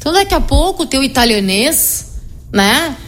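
A middle-aged woman psychologist, explaining her method in an animated conversational interview, often tagging her sentences with "né?". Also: high voice, moderate pace. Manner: explanatory, animated, frequent "né?" tag questions.

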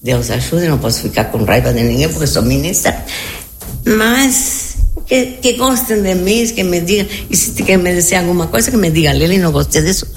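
Amid slight background noise, this elderly interview guest talks a little fast in a lowish voice. A native Spanish speaker from Argentina with the local accent, she recalls the past conversationally, repeating words and checking whether her listener agrees.

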